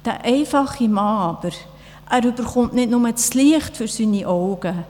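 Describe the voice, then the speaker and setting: A woman delivering a sermon in a slow, measured way. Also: on the high side, lively intonation, a little mellow, long reverb tail, a little hiss or hum. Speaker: preacher. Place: church.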